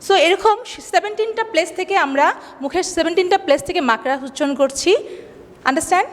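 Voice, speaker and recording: Teaching a class in Bangladesh, this woman speaks careful, slow English, then restates things more quickly in Bengali, posing questions and answering them herself. She has a high voice with lively intonation, heard in a reverberant hall.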